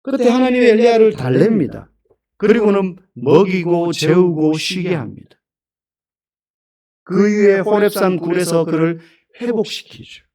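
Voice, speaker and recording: Brief: male pastor, higher-pitched voice, animated emphatic sermon delivery. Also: measured pace. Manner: animated, emphatic preaching with rhetorical questions.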